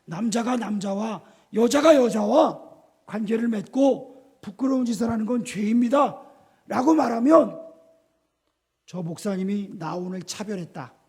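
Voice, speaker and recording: A male pastor preaching a lively sermon in a church, asking the congregation questions and acting out the people he quotes. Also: very high voice, measured pace, slightly rough. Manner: animated, asks the congregation rhetorical questions; acts out quoted voices within the sermon.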